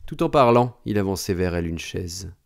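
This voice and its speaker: A man narrating a literary novel as an audiobook in a measured, expressive way. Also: low-pitched, gravelly.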